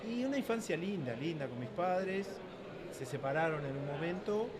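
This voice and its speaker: A man's voice: a little high, animated, moderate pace. A middle-aged Uruguayan man chatting as an interview guest, friendly and reminiscing, with a Uruguayan Spanish accent. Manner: friendly, reminiscing, with filler "este". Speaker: guest, sales manager. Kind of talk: casual interview chat. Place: trade fair floor. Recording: loud crowd noise at a trade fair. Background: loud crowd.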